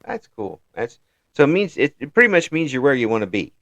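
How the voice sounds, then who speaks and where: A man's voice: medium pitch, very animated, brisk, a bit bright, dry recording. A man hosting a casual interview, chuckling often and repeating words as he frames his questions. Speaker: interview host.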